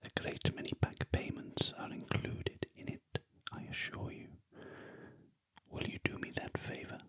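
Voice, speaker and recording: A British man voicing a reformed, courteous old Victorian gentleman in a gentle, breathy whispered role-play for a storybook reading. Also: measured pace, dry recording, close to an everyday voice. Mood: earnest. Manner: polite, old-fashioned, gentle.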